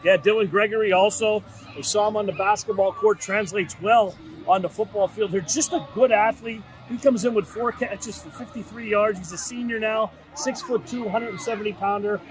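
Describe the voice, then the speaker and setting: Brief: male co-host, very high voice, brisk stat rundown. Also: fairly even intonation, low-quality recording. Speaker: sports show co-host. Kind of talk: football preview with player stats.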